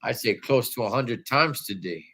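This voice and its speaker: Hosting a casual wrestling livestream from a hotel room, a man with an allergy-stuffed nose talks in a laid-back, slangy way, calling viewers "dog" and "Holmes." His medium-pitched voice is animated, bright and forceful at a moderate pace.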